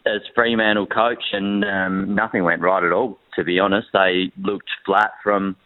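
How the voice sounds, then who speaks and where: Man, very low voice, crackly phone line cutting in and out, tinny and dry, frank and hesitant reporter. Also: flat delivery, no room sound. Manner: frank, measured, with many hesitations. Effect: crackly phone line that cuts in and out. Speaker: newspaper sports reporter. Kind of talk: phone-in football analysis.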